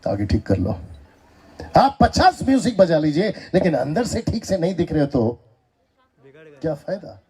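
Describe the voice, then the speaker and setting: An Indian man preaches in a high, lively voice that swoops up and down. His tone is mellow and a little husky. He teases the congregation and keeps calling on them to answer back. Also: unhurried, pauses often. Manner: animated, teasing, asks the crowd to answer back. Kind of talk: sermon with call-and-response. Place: church meeting hall.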